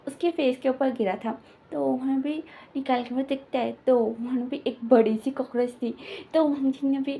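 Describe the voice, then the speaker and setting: A woman's voice: high voice, vocal fry, lo-fi sound. A woman casually retelling a fan story in a rambling, filler-heavy way, slipping into quoted lines.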